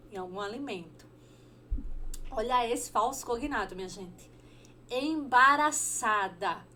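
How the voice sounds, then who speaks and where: A Brazilian woman teaching a Spanish lesson, repeating each word slowly and checking in with short questions. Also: a little high, pushed and bright, a little hiss or hum. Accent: Brazilian Portuguese. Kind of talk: online language lesson.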